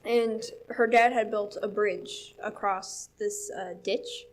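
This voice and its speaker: A woman's voice: mid-range voice, steady tone, slow. A young woman with a Newfoundland accent telling a story at church, chatty, with lots of fillers and laughs. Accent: Newfoundland English. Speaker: church speaker. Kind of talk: casual storytelling talk.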